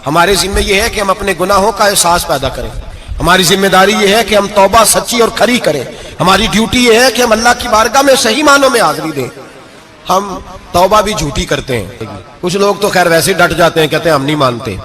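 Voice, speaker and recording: A man preaching a sermon, animated and firing rhetorical questions at the congregation. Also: sits high, low-quality recording.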